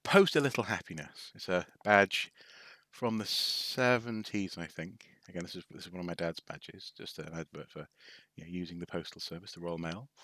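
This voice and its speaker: A man's voice: deep voice, moderate pace, few pauses, a bit bright, dry recording, clean studio sound. A man from North Wales chatting casually on a live stream, hesitant with lots of restarts and wry asides. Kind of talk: casual rambling show-and-tell.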